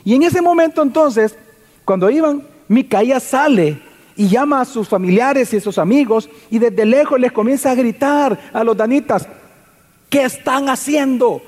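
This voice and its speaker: High-voiced pastor preaching in a hall. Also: male voice, moderate pace. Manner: animated storytelling, asks the congregation questions. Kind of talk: sermon. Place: church hall. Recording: reverberant hall.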